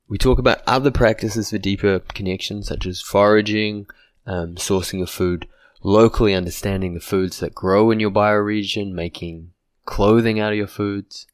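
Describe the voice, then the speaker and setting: A man with a New Zealand accent hosting a podcast interview, thoughtful and halting with frequent restarts. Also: low voice, no room sound, clean studio sound. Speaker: podcast host.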